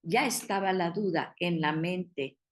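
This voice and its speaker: A woman's voice: on the low side, measured pace. A woman teaching a Bible study, explaining patiently and asking the group questions.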